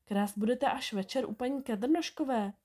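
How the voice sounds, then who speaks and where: A woman's voice: on the high side, a little mellow, a little hiss or hum, pitched above the performer's own voice, close to an everyday voice. A woman reading a storybook aloud and voicing an earnest, well-meaning schoolboy. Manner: earnest and pleading.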